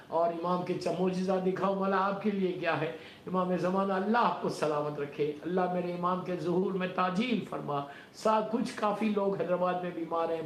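Male majlis preacher, impassioned sermon delivery with a raised voice, roomy reverb behind him. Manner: impassioned, rising to a wailing cry in the lament. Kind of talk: majlis sermon with mourning recital and supplication. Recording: roomy echo with faint rumble.

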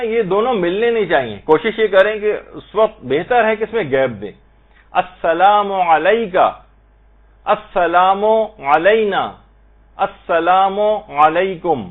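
A male religious teacher with a high voice gives an Islamic prayer lesson, explaining patiently. He recites Arabic phrases slowly and carefully to show the correct pronunciation, heard through tinny, phone-like audio.

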